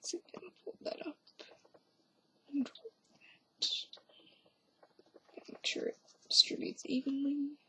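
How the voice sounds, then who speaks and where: A woman's voice: high voice, takes it slowly, long pauses, pushed and bright, poor audio. A young woman whispering through a hands-on craft tutorial at home, with offhand, self-mocking asides. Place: at home, quiet indoors.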